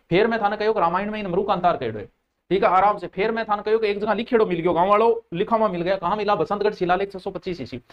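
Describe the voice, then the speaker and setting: A man with a Rajasthani accent giving a live exam-coaching lecture. He jokes, answers viewer comments aloud and repeats key terms slowly so students learn them by rote. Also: high-pitched, lo-fi sound. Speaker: teacher.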